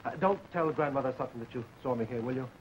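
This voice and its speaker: An actor playing a flustered, evasive suitor who stammers and placates in 1940s screwball comedy film banter. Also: male voice, medium pitch, fast, close to an everyday voice. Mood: placating. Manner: stammering, hesitant. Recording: muffled, noisy 1940s film soundtrack.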